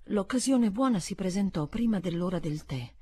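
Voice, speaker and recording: A woman reads a literary audiobook in a measured, expressive storytelling manner. Her voice sits in a middle pitch and carries a noticeably husky grain. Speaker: audiobook reader.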